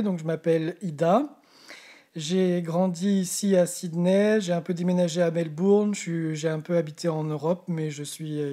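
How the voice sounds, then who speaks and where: A man's voice: a little high, dark tone. Hesitant man voicing signed conversation. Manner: hesitant, many pauses. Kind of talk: voice-over interpreting signed conversation.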